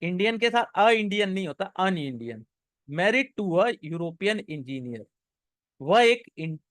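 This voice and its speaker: A man's voice: high voice, dry recording. A young man teaching an exam-prep class live, encouraging his students and explaining each answer step by step. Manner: encouraging, explains step by step, reads sentences slowly. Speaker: online English teacher.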